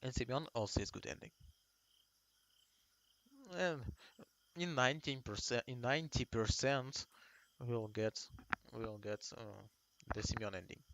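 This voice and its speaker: Young man, halting game talk. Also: medium pitch, gravelly, fairly bright tone, a little hiss or hum. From Russia. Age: 20s. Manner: halting, with restarts and fillers. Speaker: gaming video host. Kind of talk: casual game commentary and reading a visual novel aloud. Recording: music playing behind the voice.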